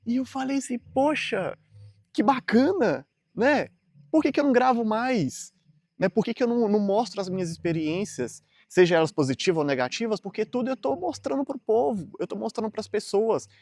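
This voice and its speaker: A man's voice: high-pitched, lively intonation, normal speed, darkish tone, no room sound. Earnest Brazilian man in his thirties. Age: 30s. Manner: earnest, rambling, frequent fillers. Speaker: vlogger. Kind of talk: casual motivational monologue to camera.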